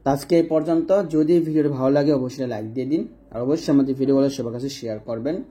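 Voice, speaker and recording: A man teaching Quran pronunciation letter by letter in an online lesson, breaking off now and then to chant examples slowly and checking in with his students. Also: medium pitch, warm tone. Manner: checks in with "ঠিক আছে?".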